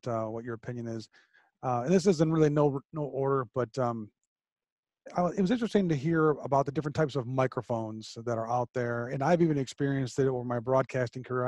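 A podcast host in his forties conducts a conversational interview over a video call, using a headset mic in a home studio with a flag behind him. His voice is medium-pitched with no room sound, and he thinks aloud with fillers and repeated starts.

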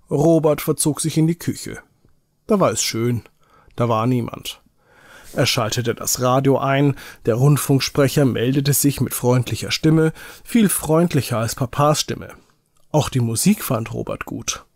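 A man reading an Advent story for small children aloud, slowly and with care, in a home recording. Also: mid-range voice, no room sound, studio quality.

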